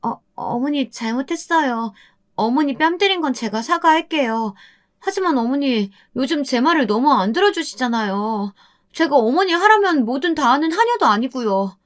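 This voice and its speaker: Woman doing a high, screeching young wife, scornful and nasty, radio-drama story. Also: lively intonation, moderate pace. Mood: defensive. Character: shrill cruel young wife nagging her mother-in-law.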